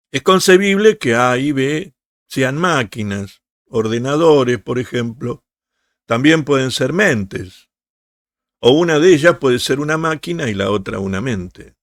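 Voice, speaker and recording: Slow, gravelly man reading. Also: mid-range voice, a bit bright, no room sound, studio quality. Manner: measured, deliberate reading. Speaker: podcast host reading an essay. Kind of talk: essay read aloud.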